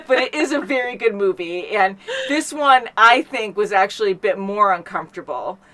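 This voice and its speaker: Casting: woman, middle pitch, chatty film reactor, loose rambling delivery. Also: expressive, normal speed, pushed and bright, a little hiss or hum. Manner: chatty, rambling with many fillers. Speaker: movie reaction host. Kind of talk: casual chat.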